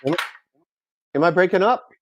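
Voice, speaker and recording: A man's voice: sits high, animated, a little fast, a little hiss or hum. A man greeting a friend over a video call whose audio is breaking up. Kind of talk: casual chat. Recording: dull, dry lo-fi call line.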